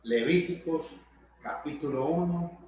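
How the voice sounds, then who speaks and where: A man's voice: fairly high pitch, unhurried, a little mellow, lo-fi sound. A man preaching a sermon, emphatic, addressing his listeners as brothers and friends. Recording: very echoey room, voice from far off.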